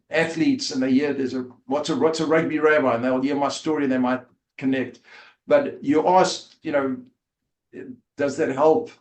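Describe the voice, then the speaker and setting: A man's voice: mid-range voice, a little mellow. A man in his fifties with a South African accent, a rabbi telling his life story earnestly as an interview guest. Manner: earnest, with frequent fillers and restarts. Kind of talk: conversational storytelling. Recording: roomy echo.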